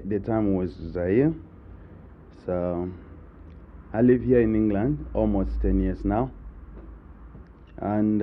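Slow-spoken man. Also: lowish voice. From Republic of Congo. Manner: slow and hesitant, with fillers. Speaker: interviewee. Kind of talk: personal account. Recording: phone-like line with faint noise.

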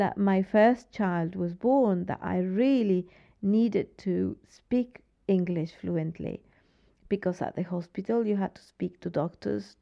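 A woman with a Mexican Spanish accent speaks in a measured, earnest way. Her voice has a gravelly edge. The recording is a little dull. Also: mid-range voice. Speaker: interviewee. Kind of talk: personal account.

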